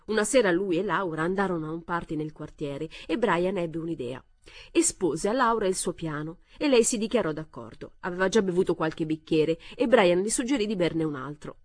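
Story narrator, woman, low voice, measured expressive reading, dry studio sound. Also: dry recording. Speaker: reader. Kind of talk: audiobook reading of a short story.

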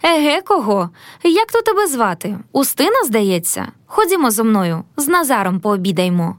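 A cheerful young carter from a storybook who teases playfully, read by a woman. The voice is high-set and lively. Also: moderate pace, dry recording. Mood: teasing. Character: cheerful dark-haired young carter, teasing.

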